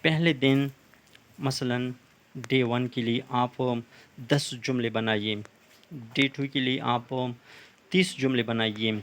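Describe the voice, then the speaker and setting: Man, English teacher, explanatory lesson, repeats slow English phrases. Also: mid-range voice. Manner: repeats points in Urdu and slow English examples. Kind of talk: explaining English tips in Urdu.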